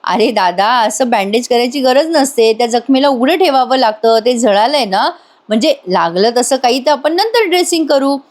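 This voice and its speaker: A woman voicing a calm, caring young doctor who explains slowly and gently. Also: fairly high pitch, natural voice. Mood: gentle.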